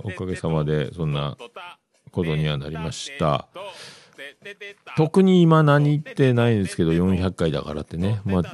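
A man's voice: sits low, a little mellow. A middle-aged man, hosting a casual solo radio-style show in a rambling, chatty way with self-amused asides. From Yamaguchi, Japan. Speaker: podcast host.

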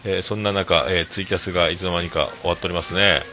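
A man's voice: deep voice, fast, faint music behind. A middle-aged man from Fukuoka, telling rambling stories in a solo talk stream, full of fillers. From Fukuoka, Japan. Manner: rambling storytelling, many fillers, animated quoting. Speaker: host, restaurant owner.

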